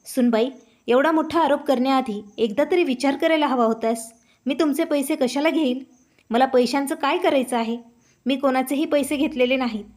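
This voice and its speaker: A woman voicing a humble, heartbroken elderly mother who speaks softly. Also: high-pitched, normal speed, lightly acted. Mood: hurt. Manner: soft, gentle speech.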